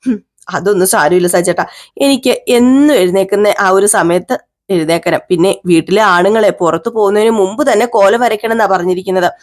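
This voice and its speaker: Gentle young wife, shy, bashful, soft-spoken, as a woman puts her on. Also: mid-range voice, fast talker, natural voice.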